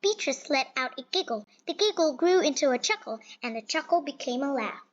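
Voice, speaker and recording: A woman with a high voice moves fairly quickly through a children's picture book, reading with plenty of expression but the occasional small stumble or repeated word. It's a dull, lo-fi recording.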